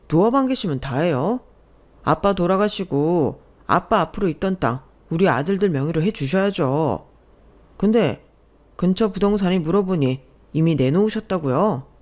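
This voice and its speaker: A woman's voice: fairly low pitch, a little mellow, close to an everyday voice. A woman voicing greedy grown-up brothers who push and accuse their sick mother in a radio story. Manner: pushy, accusing. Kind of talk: scripted radio story reading.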